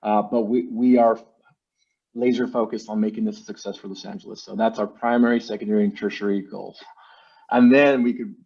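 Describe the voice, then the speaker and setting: A man's voice: lowish voice, steady tone, brisk, creaky, darkish tone. A man giving an informal, salesy slide presentation in an online meeting, speaking in casual business jargon. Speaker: presenter, marketing agency owner. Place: virtual meeting. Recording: dull lo-fi online meeting audio.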